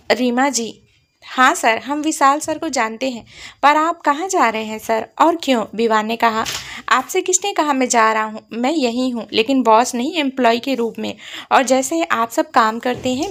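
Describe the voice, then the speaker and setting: Woman reading a romantic story aloud. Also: on the high side. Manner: reads all the characters' lines in her own voice, slow and soft at tender apologies. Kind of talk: narrated love story reading.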